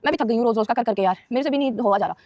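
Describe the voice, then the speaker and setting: A young woman speaks on the high side with a darkish tone, and there's no room sound. Talking directly to her live stream audience, she answers their questions in a fast, emotional, defensive way.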